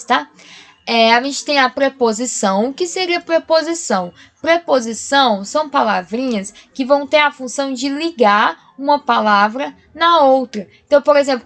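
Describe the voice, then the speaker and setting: A woman with a high voice teaches a recorded grammar lesson. She explains patiently, one point at a time, and keeps checking in with her class. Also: a bit bright.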